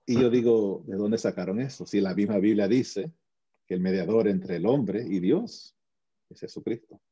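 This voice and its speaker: A man's voice: on the low side, moderate pace, dark tone, slightly rough. A man being interviewed as a guest, recounting his experience in an earnest, conversational way, with frequent restarts and tag questions. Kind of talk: casual conversational storytelling. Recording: muffled lo-fi audio.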